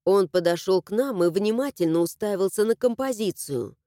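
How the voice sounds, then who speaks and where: A woman narrating a first-person fantasy audiobook in an expressive storytelling manner. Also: mid-range voice, moderate pace, no room sound, studio quality.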